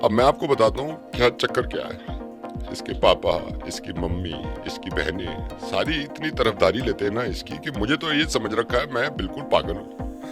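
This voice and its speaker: A man making a prank phone call, complaining about his in-laws and then arguing loudly. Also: on the low side, expressive, moderate pace, over music. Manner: complaining, then shouting argumentatively. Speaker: radio prank caller.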